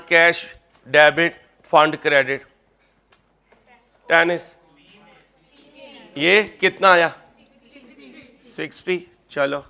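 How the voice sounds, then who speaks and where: A man's voice: high-pitched, pushed and bright. A man lecturing on accounting, mixing jokey personal stories with worked examples and calling his students "kids". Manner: chatty, joking, addresses students as kids. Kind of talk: classroom lecture with personal anecdotes.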